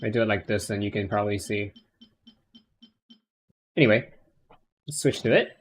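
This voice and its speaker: A man's voice: fairly low pitch, moderate pace, breathy edge. A man doing casual live game commentary as a streamer, rambling and hesitant in an offhand way. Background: plucked guitar game music.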